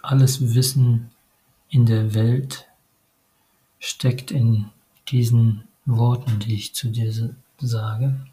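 A man giving a meditative spiritual monologue, addressing the listener directly in short, halting phrases with frequent hesitations. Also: medium pitch, flat delivery, mellow, rough recording.

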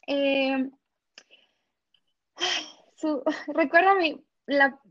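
A woman's voice: high-pitched, drawn-out words, no echo, muffled recording. A young woman with a Mexican Spanish accent, telling stories as an interview guest, acting out dialogue and laughing often. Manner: animated storytelling, acts out dialogue, laughs often. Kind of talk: casual interview chat.

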